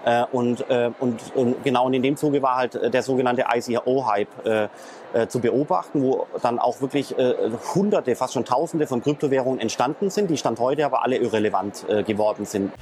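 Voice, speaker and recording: Man, mid-pitched, interview guest explaining a technical subject in a halting way with lots of fillers, faint traffic noise in the background. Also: a little mellow. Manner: hesitant, many filler sounds and restarts. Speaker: interview guest, blockchain expert. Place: in Frankfurt, near traffic.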